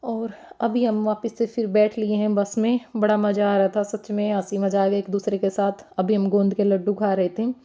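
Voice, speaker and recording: A young woman with a Haryanvi accent, chatting in a casual travel vlog and explaining things slowly with lots of fillers. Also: mid-range voice, flat delivery, dark tone. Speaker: vlogger.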